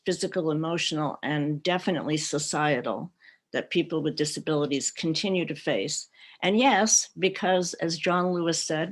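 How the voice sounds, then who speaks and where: A middle-aged woman speaking on an online panel, telling her family's story in a reflective way with light laughter, heard over a video call. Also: sits low. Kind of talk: personal talk at an online panel.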